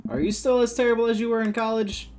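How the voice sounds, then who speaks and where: A man hosting a gameplay video, reading a dating-sim script aloud with lively, chuckling reads of the lines. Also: very high voice, quick pace, vocal fry, background noise. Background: game music.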